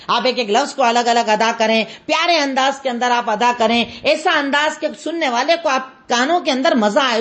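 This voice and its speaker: A woman's voice: a little high, fairly bright tone. A woman with an Indian Urdu accent teaching an Islamic lesson, explaining step by step and repeating her references. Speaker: religious teacher.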